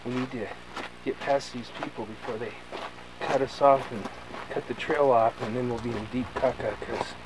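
On a forest trail, a man films himself with a handheld camcorder and narrates jokingly, tossing in playful mock-dramatic asides. His voice is medium-pitched with fairly even intonation at a normal speed, and the outdoor camcorder audio is noisy.

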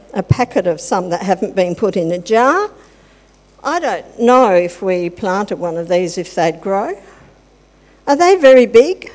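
An older woman with a fairly high, darkish voice leads a playful children's talk at a church service, chatting with the kids and asking them questions. Recorded on a handheld microphone, she's in a large church hall with the congregation, and the reverb lingers long.

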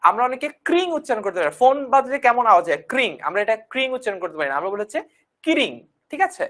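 Young woman online tutor, fast delivery, repeats and checks in often. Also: medium pitch, animated, a bit bright. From Bangladesh. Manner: repeats key points and checks understanding often. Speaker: teacher. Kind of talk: online class lecture.

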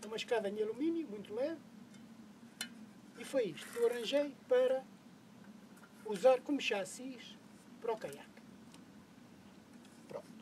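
A man's voice: very high voice, expressive, moderate pace, long pauses, darkish tone, a little hiss or hum. A middle-aged man with a European Portuguese accent, the host of a kayak fishing channel, patiently explaining a DIY setup step by step outdoors on a lakeshore, with the odd hesitation. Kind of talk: DIY how-to narration.

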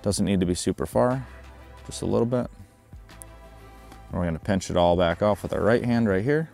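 A man's voice: deep voice, moderate pace, gravelly, soft background music. A man hosting a fishing vlog outdoors on a river, chatting casually and explaining his rig and knot step by step. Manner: relaxed, chatty, instructive. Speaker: fishing guide and vlog host.

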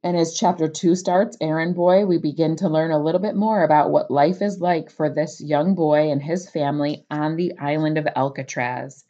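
A woman teacher reading a children's novel aloud to her class, expressive and lively with the narrator's asides. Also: low voice, moderate pace, hardly any pauses, dull audio.

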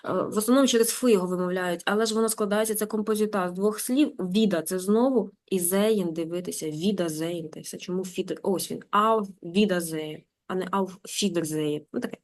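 A woman teaching German online. She reads a story aloud slowly and translates it with quick explanatory asides. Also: medium pitch, steady tone, darkish tone.

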